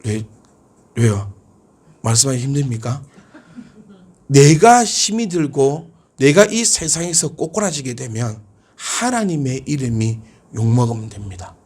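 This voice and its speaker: A male pastor preaching a sermon, animated and asking his congregation questions. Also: medium pitch, measured pace, breathy edge.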